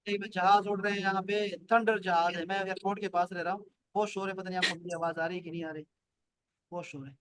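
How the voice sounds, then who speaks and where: A male Arabic teacher with a Pakistani Urdu accent, giving an online class over a video call from home. He patiently repeats terms slowly and quizzes students by name. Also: high-pitched, flat delivery, fairly bright tone, slight background noise. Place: home near an airport.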